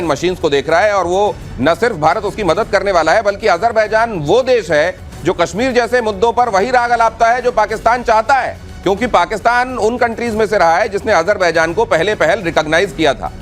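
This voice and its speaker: A man with a high-pitched voice anchors a televised news debate. His delivery is dramatic and rhetorical, punching his lines for effect. Faint music plays softly behind him in the studio. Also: normal speed.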